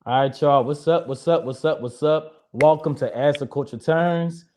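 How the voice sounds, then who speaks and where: Young guy hosting a panel chat, kinda high voice, blunt and jokey, swears a lot. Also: moderate pace, darkish tone. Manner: joking, blunt, profane. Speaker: moderator of a discussion show.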